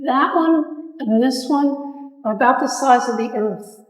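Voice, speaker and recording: A woman museum guide explaining to visitors, soft-spoken and unhurried, her voice a bit worn. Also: high voice, roomy sound, in a large hall, low-quality recording. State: losing her voice. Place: museum observatory room.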